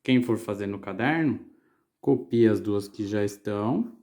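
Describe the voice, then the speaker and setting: A man's voice: fairly low pitch, a little slow, a little mellow. Patient man teacher explaining syllables. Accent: Brazilian Portuguese. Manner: patient, explaining, checking in with "certo?". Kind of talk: literacy lesson to children.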